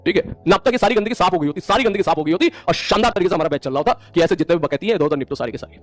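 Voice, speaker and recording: A man's voice: sits high, animated, very fast, faint music behind. A man teaching an online class, lecturing his students sternly and scolding them.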